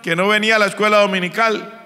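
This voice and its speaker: A Colombian man preaching a Pentecostal sermon as pastor, storytelling and swinging between hushed and loud delivery. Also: sits high, steady tone, fast, long reverb tail. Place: church.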